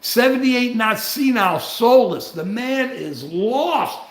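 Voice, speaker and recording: A man's voice: extremely high pitch, expressive, slow, roomy sound. An older man hosting a political livestream, rambling and repeating himself as he talks animatedly. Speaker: livestream host.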